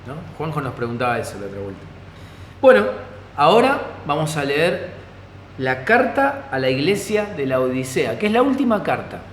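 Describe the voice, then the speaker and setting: A man's voice: a little high, big pitch swings, normal speed. A pastor with a Rioplatense Spanish accent teaching a Bible study in a conversational way, often checking in with his listeners. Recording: echoey hall, faint ambient noise.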